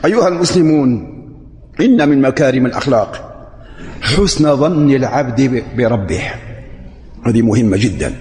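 A man's voice: mid-range voice, expressive, moderate pace, pauses often, darkish tone. A man preaching a sermon, reading a prepared text and then explaining it in colloquial dialect. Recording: long hall reverb.

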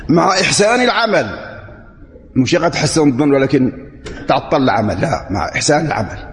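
Male preacher, fairly high voice, sermon read aloud with asides in dialect, long hall echo. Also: expressive, a little fast, slight background noise. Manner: reads a prepared text, then explains it in colloquial dialect.

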